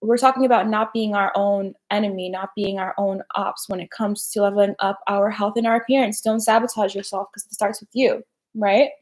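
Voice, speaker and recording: This young adult personal development host speaks a little fast in a medium-pitched, steady voice on her casual live stream. Chatty and full of slang, she keeps dropping "like" and "right?" into her talk.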